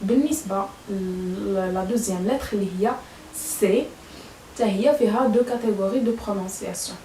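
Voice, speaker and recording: A woman's voice: medium pitch, a little fast, mellow, a little hiss or hum. A woman with a Moroccan Arabic accent, teaching French pronunciation to learners in a hesitant way, with many fillers and repeated words. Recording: echoey room, voice a bit far from mic.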